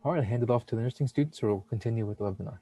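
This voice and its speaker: Here a young man, a nursing student, delivers a scripted webinar presentation through his computer mic, his mid-range voice husky and rapid-fire. The highs are cut off, yet his reading of long name-and-title lists remains steady throughout.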